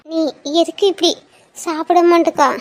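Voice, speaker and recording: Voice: extremely high pitch, flat delivery, normal speed. A young performer voicing a tender younger sister who earnestly pleads with her older brother in an amateur audio drama. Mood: pleading. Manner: earnest, pleading, tearful at times.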